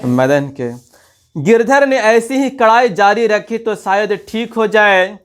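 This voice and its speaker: Slow-talking teacher. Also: male voice, sits high, expressive. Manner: reads a passage, then retells it in local dialect and quizzes the listener. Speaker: Hindi teacher. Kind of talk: explaining a textbook story line by line.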